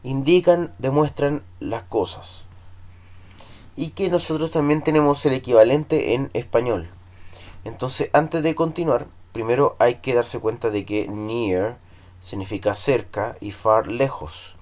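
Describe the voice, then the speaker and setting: A man teaching English in Spanish, drilling numbers slowly and patiently for students to repeat. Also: medium pitch, darkish tone.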